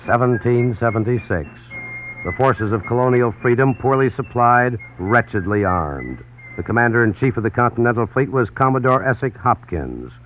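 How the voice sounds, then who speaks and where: A man's voice: medium pitch, lively intonation, normal speed. A man narrating as a radio correspondent in emphatic 1940s newsreel style. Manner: dramatic, emphatic announcer delivery. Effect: old newsreel broadcast sound. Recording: tinny old radio broadcast with faint hiss.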